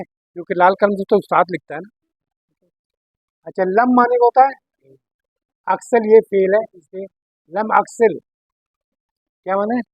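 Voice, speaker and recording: A man's voice: high voice, slightly rough, dry recording, poor audio. A man teaching Arabic grammar, explaining step by step and often checking that his students follow. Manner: explains step by step, checks understanding with "theek hai na". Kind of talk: classroom lesson explaining Arabic in Urdu.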